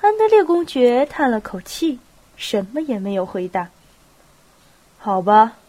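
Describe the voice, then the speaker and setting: A woman's voice: sits high, very animated, normal speed, mellow. Woman with a cold reading a novel. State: has a cold. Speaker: audiobook narrator.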